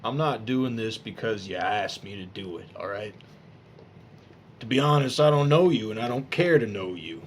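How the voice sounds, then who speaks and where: Man doing a gruff blunt detective. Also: lowish voice, expressive, normal speed, slight background noise, pitched below the performer's own voice.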